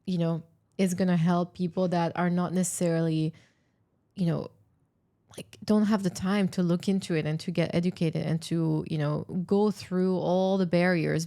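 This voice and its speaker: A woman hosting a casual livestream chat, chatty and quick to laugh, reading viewer questions aloud. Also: lowish voice, gravelly, mellow. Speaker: podcast host.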